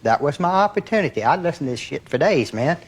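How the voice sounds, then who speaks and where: Older Southern man, higher-pitched storyteller. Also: lively intonation, fast, breathy edge. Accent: Southern American. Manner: rambling storytelling with repeated "I said". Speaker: interviewee, longtime confidant. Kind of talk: reminiscing in an interview.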